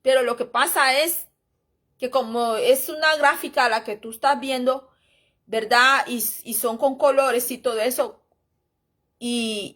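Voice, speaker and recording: A woman's voice: a little high, fairly bright tone. A middle-aged woman gives an informal church history lesson, reading aloud and chatting between passages, often calling her listeners brothers and sisters. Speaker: Bible teacher.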